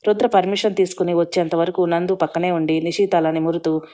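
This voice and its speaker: Mellow low-voiced woman storyteller. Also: fairly quick, lo-fi sound. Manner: steady, emotive reading. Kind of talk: scripted story narration.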